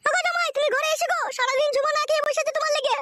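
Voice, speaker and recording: A woman's voice: extremely high pitch, steady tone, rapid-fire, a bit bright, no room sound, studio quality. A woman voicing a fussing older village mother-in-law in a cartoon, coaxing in a wheedling way. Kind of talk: cartoon voice acting.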